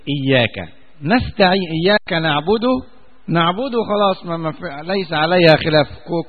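A man with an Egyptian Arabic accent giving a religious lesson on Quran commentary, chanting verses slowly and then explaining them in colloquial asides. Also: on the high side. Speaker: sheikh teaching Quran commentary. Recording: tinny phone-like sound with long hall reverb.

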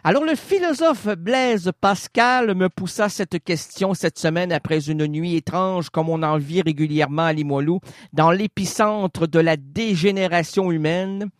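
A man's voice: sits high, measured pace, no echo, clean studio sound. A man with a Québécois French accent hosting a show with a rambling comic monologue; he stammers and keeps interrupting himself, and he is short on sleep. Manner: absurd, stammering, self-interrupting. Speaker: radio show host.

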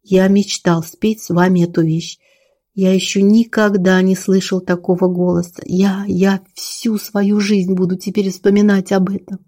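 A woman's voice: medium pitch, flat delivery, dark tone, natural voice. A woman doing a pleading young Italian tenor. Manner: hurried, pleading.

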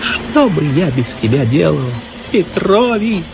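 A man voicing a shrill pushy company director. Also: big pitch swings, slow pace, creaky, lo-fi sound, noisy background, full character voice. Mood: pleading. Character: agitated middle-aged male company director.

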